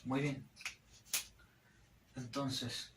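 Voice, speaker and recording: Standing at the whiteboard, a young man, a student, gives a classroom explanation full of hesitation, fillers and false starts. He speaks in a mid-range, level voice, drawing out his words, while heavy background noise fills the echoey room.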